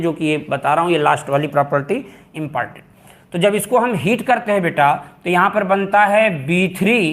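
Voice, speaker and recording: A male chemistry teacher lecturing students, repeating key terms and stressing what is important, calling them "beta" and mixing English words into his speech. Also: fairly high pitch. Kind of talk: classroom lecture.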